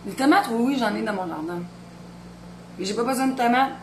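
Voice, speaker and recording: A chatty woman in her thirties with a Beauce Quebec French accent rambles as she cooks and talks with family off camera. Her voice sits a bit high. The kitchen sounds echoey, with steady noise behind her. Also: fairly quick. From Quebec, Beauce region. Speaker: home cooking vlogger. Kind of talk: casual kitchen chat. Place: home kitchen.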